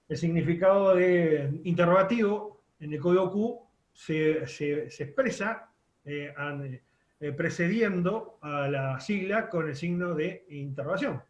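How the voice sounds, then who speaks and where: A man's voice: a little high, echoey room, lo-fi sound. A man teaching a radio course, explaining step by step with many fillers and restarts. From Uruguay. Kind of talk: online class lecture.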